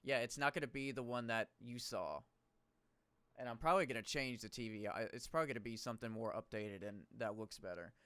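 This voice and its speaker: A man's voice: mid-range voice, a little fast, fairly bright tone, clean tone, no echo. A man hosting a podcast in a casual chat, laid-back and swearing freely as he trails off mid-thought. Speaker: podcast host. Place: podcast studio.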